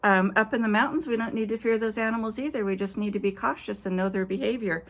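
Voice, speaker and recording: Speaking quickly in a mid-range voice, a woman pastor shares a story and a quick devotional with children outdoors at night. Her manner stays gentle as she addresses the kids directly.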